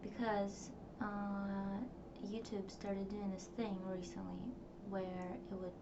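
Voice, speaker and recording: Her medium-pitched voice holds a level tone at a slow pace as this young vlogger, Russian being her first language, reflects aloud in a meandering personal diary with many fillers. The home recording is distant, dull and noisy.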